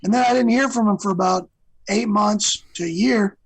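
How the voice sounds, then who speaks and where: Male guest, husky and dry, rambling storyteller. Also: high voice, moderate pace, no room sound, rough recording. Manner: rambling storyteller, many fillers. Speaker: guest singer. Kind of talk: casual interview chat.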